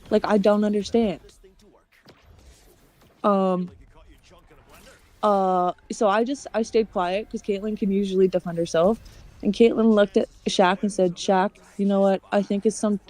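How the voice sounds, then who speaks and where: A woman's voice: mid-range voice, dark tone. A woman streamer telling a long story in casual chat. She acts out the other people's lines and swears often.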